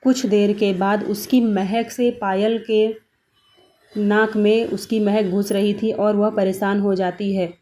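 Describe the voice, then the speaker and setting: A woman narrating a cartoon story in a plain, easy storytelling manner. Her voice is mellow and dark-toned, at a middle pitch. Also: level tone, takes it slowly.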